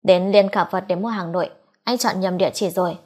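A woman's voice: lowish voice, fast talker, a little mellow. A woman reading a romance novel aloud as an audiobook narrator, voicing the dialogue in her own voice. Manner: reads all characters' dialogue in a near-normal voice.

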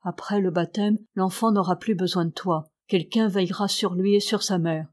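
A woman voicing the ghost of a young nobleman, speaking briefly, imperiously and calmly in an audiobook reading. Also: medium pitch, moderate pace, natural voice. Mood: grave.

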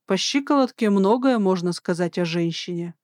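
A narrator voicing a bold, flirtatious male army major in an audiobook, low and teasing. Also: lively intonation, normal speed, no room sound, studio quality, close to an everyday voice. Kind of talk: audiobook dialogue.

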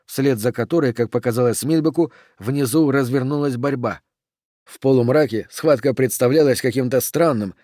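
A man narrating a thriller audiobook in a steady, measured reading. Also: medium pitch, no echo, clean studio sound.

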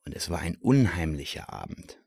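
A man narrating a children's fantasy audiobook in an expressive storytelling style. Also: very deep voice, normal speed, creaky. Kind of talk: scripted narration.

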